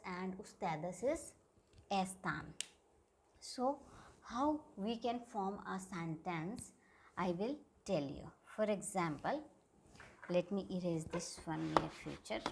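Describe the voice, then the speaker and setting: A woman teaching a language lesson in a slow, careful way. Her voice is slightly breathy. She pauses often and repeats the key words so they sink in. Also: mid-range voice. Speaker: Spanish teacher. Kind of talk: whiteboard grammar lesson.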